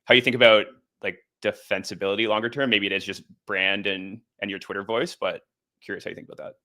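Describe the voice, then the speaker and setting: A man's voice: on the low side, fairly even intonation, quick pace, pushed and bright. A man hosting a casual interview, asking questions in an easygoing way. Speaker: show host.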